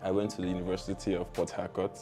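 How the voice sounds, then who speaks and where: A man's voice: low-pitched, little pitch movement, fast talker, music in the background. A young Nigerian man with a Nigerian accent, a startup founder relaxedly telling his life story in an interview, with slangy asides and easy laughs.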